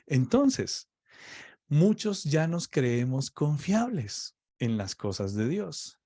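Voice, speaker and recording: A man's voice: a little high, big pitch swings, warm tone, dry recording, clean studio sound. A man teaching on faith in a conversation, explaining patiently and often checking "ok?" with his listener. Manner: slow, explaining, checks understanding with "¿ok?". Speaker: preacher.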